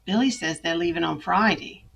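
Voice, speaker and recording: A woman's voice: lowish voice, moderate pace, creaky, a bit bright, a little hiss or hum. A woman voicing a small worried London boy in an attempted Cockney accent, eager and chattering.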